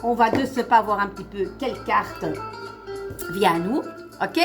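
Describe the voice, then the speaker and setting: Over instrumental background music, an online tarot reader and host with a mid-range voice and a slight lisp gives her followers a relaxed reading at normal speed. She's chatty and encouraging, repeats phrases for emphasis, and stumbles over words when she's pleased.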